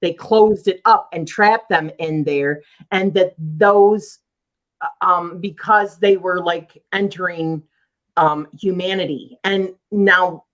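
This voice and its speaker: A woman's voice: on the low side, steady tone, takes it slowly, highs cut off. A woman hosting a casual live-stream chat, talking loosely, laughing easily and reading out viewer comments. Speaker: host of a live chat show.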